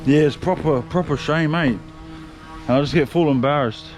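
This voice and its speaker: A man's voice: on the high side, moderate pace, a little mellow, soft background music. A young man telling stories in a casual, slangy vlog, swearing and laughing often. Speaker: vlogger. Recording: faint background noise.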